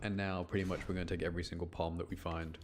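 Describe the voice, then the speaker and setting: Rapid-fire and level in tone, a deep-voiced man streams a game with relaxed, talkative commentary, frequently explaining and interrupting himself. The background is noisy, with music playing behind his voice.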